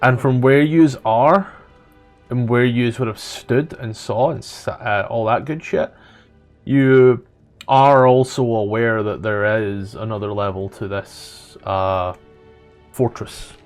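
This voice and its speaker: A Scottish man running a tabletop game with a relaxed, rambling way of describing things. His pitch sits in an ordinary middle range for a man. Soft music plays faintly behind him. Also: slow. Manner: rambling, laid-back, chatty descriptions. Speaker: game master. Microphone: own microphone.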